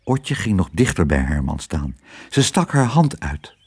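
A man reads a children's storybook aloud with lively, animated intonation, his pitch leaping up and down. His voice has a slightly husky, breathy texture. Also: unhurried. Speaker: narrator.

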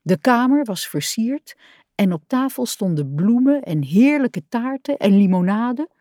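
Slow, expressive woman reading a children's story. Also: a little high, dry recording, clean studio sound. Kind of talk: reading a children's picture book aloud.

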